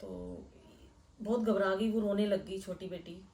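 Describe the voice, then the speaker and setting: A middle-aged woman from Delhi, earnestly retelling a frightening real-life experience in a hushed first-person way. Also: mid-range voice, big pitch swings, measured pace, distant mic. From Delhi, India. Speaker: storyteller. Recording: echoey room, voice a bit off-mic.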